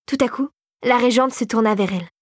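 A woman narrating a storybook in a calm, measured reading voice. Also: on the high side, no room sound, studio quality.

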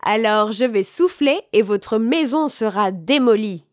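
Woman voicing the big bad wolf, loud and pitched up. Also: sing-song, measured pace, no echo, clean studio sound. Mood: threatening. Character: big bad male wolf, hungry and menacing.

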